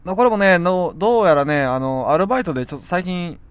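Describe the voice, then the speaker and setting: A man's voice: sits high, animated, fast talker, clear, resonant tone, dry recording. A man with a Kansai accent and a scratchy, irritated throat, rambling and poking fun at himself as he chats through a face mask on his web radio show. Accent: Kansai Japanese. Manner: rambling, self-mocking, chatty. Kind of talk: casual solo chat. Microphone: speaking through a face mask.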